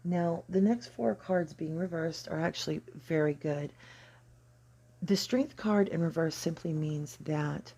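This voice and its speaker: An astrology channel host walks through a card reading deliberately, pausing between phrases in a measured, explanatory way. The mid-range voice is mellow and husky, with a gravelly creak throughout.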